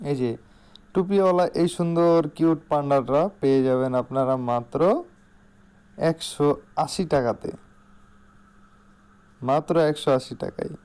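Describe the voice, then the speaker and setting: A man's voice: a little high, measured pace, long pauses, a little mellow, smooth. A man with a Bangladeshi accent giving an informal salesman's product showcase in voice-over, repeating key phrases for emphasis. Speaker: shop salesman.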